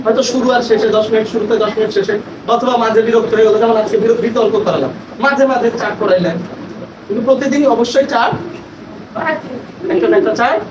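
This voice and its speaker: Male teacher trainer with a high voice, quizzes the room, spells words letter by letter, echoey hall with noise. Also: fast, dull audio. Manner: questioning, instructive, spells words aloud.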